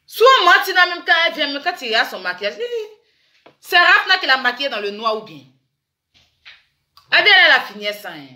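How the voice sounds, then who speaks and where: A woman chats through a teasing, animated commentary vlog. Her voice sits a little high and rings very bright. She breaks into sudden loud exclamations. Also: fairly quick, pauses often. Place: in France.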